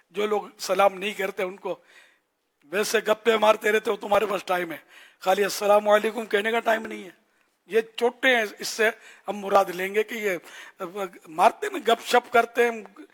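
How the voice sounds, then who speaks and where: A man giving an earnest religious teaching in short, admonishing phrases with pauses, as a scholar answering questions. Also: sits high, a bit bright. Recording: long hall reverb.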